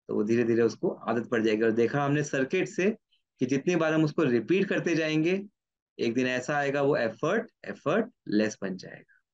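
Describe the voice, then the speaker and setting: A man lectures as a neurologist, posing questions aloud and answering them himself. He returns to his key points again and again. The recording sounds a little dull and lo-fi. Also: medium pitch. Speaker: neurologist giving a talk. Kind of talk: explanatory lecture.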